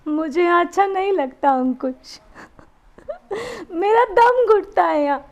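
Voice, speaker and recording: An actress playing a young wife who is crying and homesick, pleading to go home. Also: female voice, very high voice, lively intonation, measured pace, full character voice. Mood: tearful. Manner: pleading, tearful. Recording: dull lo-fi sound.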